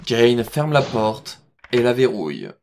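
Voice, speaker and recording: Slow-paced male audio drama narrator. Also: mid-range voice, very animated, darkish tone, slight background noise.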